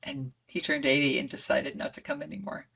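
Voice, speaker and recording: A woman voice coach speaking as a guest in an interview, talking reflectively and expressively, swooping high when she acts out voices. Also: big pitch swings, brisk, gravelly, a bit bright, breathy edge, distant mic.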